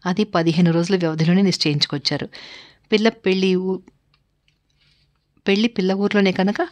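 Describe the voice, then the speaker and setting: A woman narrating a family story in the first person, steady and unhurried. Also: lowish voice.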